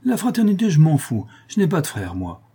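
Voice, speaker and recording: A man reading aloud, voicing an outspoken middle-aged peasant widow in a raised, husky voice. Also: mid-range voice, moderate pace, warm tone, voice pushed up, natural voice. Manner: outspoken, defiant.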